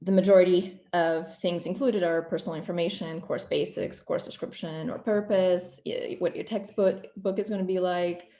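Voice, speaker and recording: A woman's voice: on the low side, steady tone, moderate pace, hardly any pauses, dark tone, roomy sound. A woman from Portugal, a non-native English speaker, giving a guest presentation over a video call, fluent but with frequent ums and restarts. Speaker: guest speaker, program coordinator.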